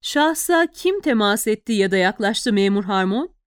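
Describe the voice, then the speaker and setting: A woman's voice: medium pitch, expressive, moderate pace, clean tone, dry recording, clean studio sound, natural voice. A woman reading an audiobook, voicing a tough female police lieutenant who gives curt, clipped orders. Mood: commanding.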